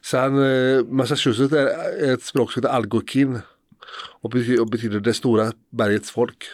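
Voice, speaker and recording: A Swedish man hosts a relaxed podcast chat, his voice sitting at an ordinary middle pitch. He talks hesitantly, stumbling through fillers and restarting his sentences as he goes. The sound is dry and close, with almost no room around it. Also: dry recording. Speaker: podcast host. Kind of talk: casual chat.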